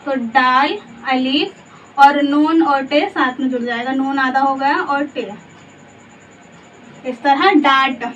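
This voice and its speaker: A woman with a high voice teaches slowly and patiently, naming each letter before she reads out the full word. She sits back from a distant mic, so the sound is dull and muffled with a faint hiss behind her. Every few words she checks in with a quick question to the learner. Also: fairly even intonation, fairly bright tone. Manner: spells out letters one by one, then reads the word. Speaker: Urdu teacher. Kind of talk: slow spelling lesson.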